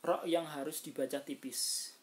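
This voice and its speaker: A woman teaching Quran recitation rules, explaining slowly with many fillers and drawn-out recited examples. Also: deep voice, fairly even intonation, background noise. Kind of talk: informal tajwid lesson. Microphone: phone screen recording.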